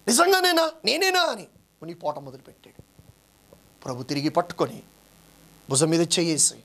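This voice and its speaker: A man who is a pastor, preaching a sermon, swinging between raised calls and low, quiet lines.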